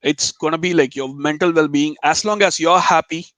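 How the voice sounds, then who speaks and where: A man's voice: a little high, steady tone, moderate pace, a bit bright, no room sound. A man from Chennai with a Telugu Indian accent, chatting casually as a webinar guest in an informal, jokey, digressive way. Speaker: guest speaker, web developer.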